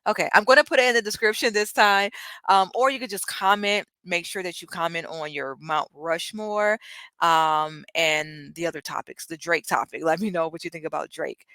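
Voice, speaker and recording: Bright-voiced woman podcast host, chatty. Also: lowish voice, steady tone, moderate pace, no room sound, rough recording. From Detroit. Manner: chatty, enthusiastic, many ums. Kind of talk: casual chat.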